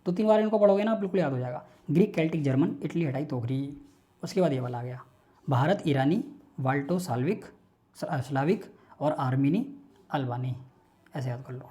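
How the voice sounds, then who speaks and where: Teacher, online lecture, warm low-toned voice, rhythmic repetition, patient coaxing delivery. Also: lively intonation, fairly quick. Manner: drills lists by rhythmic repetition; patient, coaxing student address.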